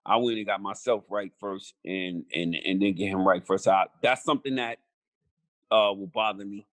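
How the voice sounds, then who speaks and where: A middle-aged podcast guest speaks bluntly and profanely at normal speed in a lowish voice, often restarting sentences and repeating himself as he begins a thought. He turns quiet and reflective when discussing regrets. It's a casual conversation, recorded dry.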